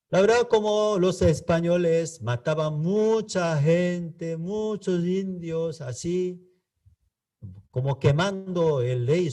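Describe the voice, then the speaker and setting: Slow, deep-toned pastor speaking Spanish. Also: male voice, mellow, distant mic. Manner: halting, repetitive non-native Spanish with frequent tag questions. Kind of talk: Bible seminar teaching.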